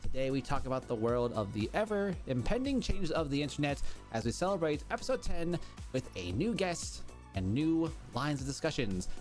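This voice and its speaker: A man's voice: fairly high pitch, very animated, moderate pace, darkish tone. A man hosting a podcast in casual interview chat, wordy and effusive. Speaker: podcast host. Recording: music behind the voice. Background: background music.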